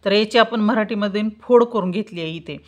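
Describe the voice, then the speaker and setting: A woman's voice: medium pitch, a little fast, darkish tone. A woman tutor teaching a spelling lesson, patiently repeating each question and answering it herself, sounding out letters syllable by syllable.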